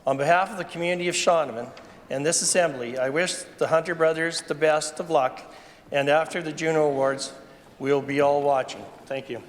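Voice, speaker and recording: A Canadian legislator, a man with a fairly high voice, reads a formal statement and trips over words now and then. The chamber around him has long reverb. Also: brisk. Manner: stumbles over his reading. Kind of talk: formal prepared parliamentary statement. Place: large indoor legislative chamber. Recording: reverberant chamber with faint noise.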